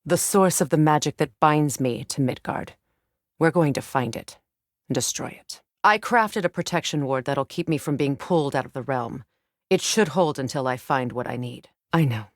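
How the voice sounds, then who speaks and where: An actress voices a proud warrior goddess from a Norse fantasy video game, using a slightly low voice and formal, measured phrasing with a dry edge. The dramatic game performance is lightly acted, guarded and resolute. It's a dry studio recording with no room sound.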